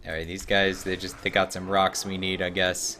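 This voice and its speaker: A man's voice: low-pitched, completely flat delivery, moderate pace, pushed and bright, faint music behind. A man streaming a game, chatting casually about it and reading chat, rambling and self-mocking. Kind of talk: casual gameplay commentary.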